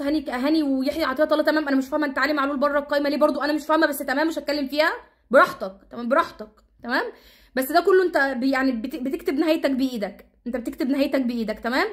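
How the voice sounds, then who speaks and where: Egyptian woman, high-pitched vlogger, rapid exasperated ranting commentary. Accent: Egyptian Arabic.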